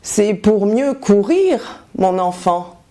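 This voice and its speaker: A woman's voice: medium pitch, lively intonation, warm tone. A woman voicing a sly, hungry male wolf who fakes a sweet voice, reading a storybook tale. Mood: slow menacing. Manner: sugary, then slow and menacing.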